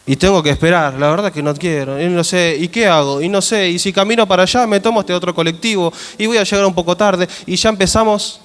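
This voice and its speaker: A man pastor with a Rioplatense Spanish accent preaches emphatically, often throwing questions to his congregation. His voice sits high, and a long church-hall reverb trails every phrase. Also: fast talker, few pauses, a bit bright, clear, resonant tone. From Argentina. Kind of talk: sermon.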